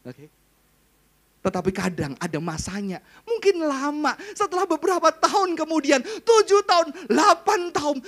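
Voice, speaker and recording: A male pastor preaching a conversational sermon, quizzing his audience and swinging between hushed asides and loud emphasis. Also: very high voice.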